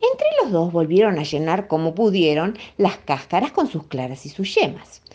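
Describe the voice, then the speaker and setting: Expressive Rioplatense woman reading a tale. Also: on the low side, normal speed. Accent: Rioplatense Spanish. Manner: expressive, playful. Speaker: storyteller. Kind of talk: storybook reading aloud. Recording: dull lo-fi recording.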